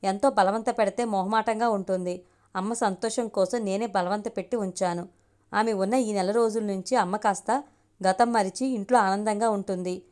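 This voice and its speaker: An earnest, gentle young man, as a woman reading the story puts him on. He reasons in a soothing, pleading way in an audiobook. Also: medium pitch, steady tone, moderate pace, close to an everyday voice.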